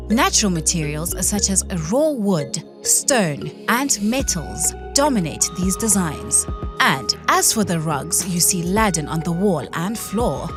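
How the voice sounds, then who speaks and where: Woman doing voice-over narration, very sing-song pitch, music under it. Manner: informative, read-out delivery.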